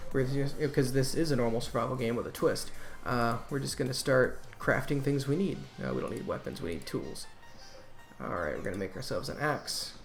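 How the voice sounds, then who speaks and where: Male Let's Play host, mid-range voice, easygoing and chatty, soft music underneath. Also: medium pitch. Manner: laid-back, rambling. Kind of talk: casual gameplay commentary.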